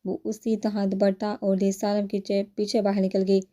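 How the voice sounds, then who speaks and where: A woman narrates a romance novel aloud in a steady storytelling manner. Her voice is deep-toned and mellow, with no brightness at all, set at an ordinary middle pitch. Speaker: novel reader.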